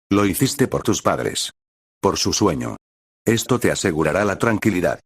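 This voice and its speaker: A man reading the lines of an earnest, devoted teenage boy hero in an even, unchanged voice. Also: low voice, no room sound. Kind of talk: scripted fanfic reading.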